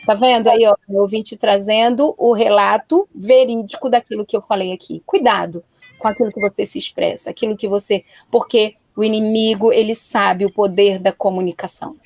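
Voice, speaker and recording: A woman's voice: medium pitch, fairly even intonation, brisk, darkish tone, no room sound, soft background music. A woman guest on a live talk show who gives counsel in an earnest, emphatic way and repeats her warnings to stress them.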